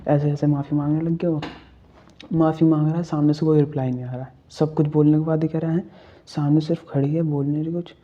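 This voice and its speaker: A man's voice: a little high, little pitch movement, quick pace, dull audio. A man narrating a ghost story in a chatty, casual way, talking to his viewers and checking in with fillers. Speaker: horror storyteller. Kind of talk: casual spoken horror narration.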